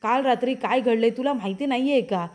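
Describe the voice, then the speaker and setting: A woman voicing a young husband who keeps calming his wife and coaxing her to stay quiet. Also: a little high, quick pace, close to an everyday voice. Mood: soothing. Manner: soothing, coaxing, repeating pleas.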